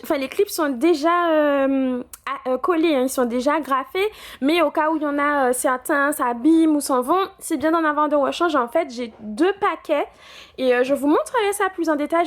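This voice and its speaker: Woman, young adult, high-pitched, casual vlog talk, chatty, home setting. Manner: chatty, with many fillers and restarts. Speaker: vlogger. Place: at home indoors.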